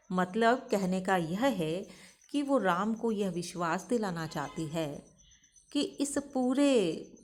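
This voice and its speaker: A middle-aged woman teacher giving a lecture on a poem, explaining it step by step and addressing her students as children. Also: medium pitch.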